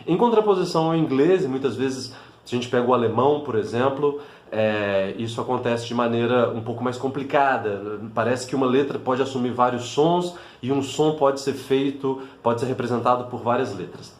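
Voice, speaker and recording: A Brazilian language teacher with a Brazilian Portuguese accent explains things patiently to camera in a medium-pitched voice at normal speed. The sound is reverberant. He uses lots of fillers and frequently checks in with listeners using words like "né?".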